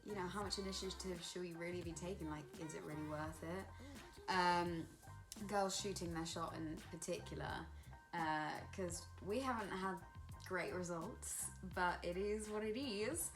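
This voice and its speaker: A woman's voice: on the low side, faint music behind, rough recording. A woman of twenty co-hosting a podcast in a playful, giggly casual chat. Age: 20s. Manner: giggly, playful, quick to put on silly voices. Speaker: podcast co-host.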